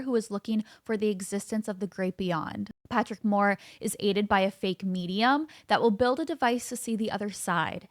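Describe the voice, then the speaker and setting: A woman's voice: mid-range voice, no room sound, studio quality. A woman streamer giving casual gameplay commentary, upbeat and self-deprecating about her pronunciation. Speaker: gaming streamer.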